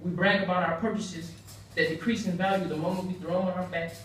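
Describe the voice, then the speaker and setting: An earnest young American man gives a prepared speech in a very echoey room, picked up from a distance. His voice sits a little high, and he speaks emphatically, repeating phrases for effect. There is faint noise behind him. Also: fairly even intonation, fast, a bit bright. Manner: earnest, emphatic, with rhetorical repetition. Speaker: speaker at a banquet. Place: indoor banquet room, heard from far off.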